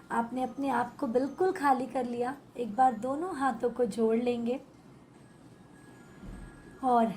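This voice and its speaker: A woman's voice: high voice, a little mellow, a little hiss or hum. A woman leading a guided healing meditation, speaking in a soothing, heartfelt way and repeating affirmations. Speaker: session leader.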